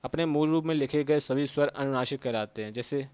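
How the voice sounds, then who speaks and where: A man's voice: medium pitch, fairly quick, a little mellow, clear, resonant tone, no echo. A man teaching a Sanskrit grammar lesson for exam preparation, with a Hindi accent from Uttar Pradesh. He repeats key terms and keeps checking in with his students. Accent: Hindi speaker from Uttar Pradesh. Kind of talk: exam-prep grammar lecture.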